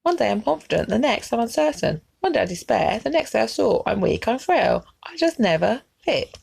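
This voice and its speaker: Woman voicing a frail, anxious little storybook bird, creaky. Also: on the high side, very animated, fairly quick, darkish tone, heavily acted. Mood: anxious, despairing. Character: small anxious self-doubting bird, weary and frail.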